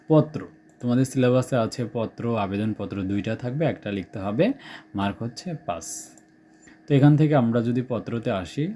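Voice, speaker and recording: A man's voice: on the low side, mellow, slight background noise. A young man with a Bangladeshi Bengali accent, talking students through exam prep questions and checking in often. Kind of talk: screen-share exam suggestion walkthrough.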